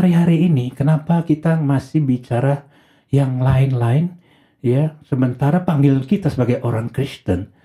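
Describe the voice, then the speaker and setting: A man's voice: mid-range voice, dark tone. A man, a pastor, preaching a conversational sermon to a congregation and often asking rhetorical questions.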